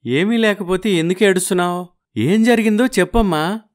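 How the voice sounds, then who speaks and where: A man voicing a poor, humble village father in an animated storybook, talking in an earnest, pleading way. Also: high-pitched, normal speed, close to an everyday voice.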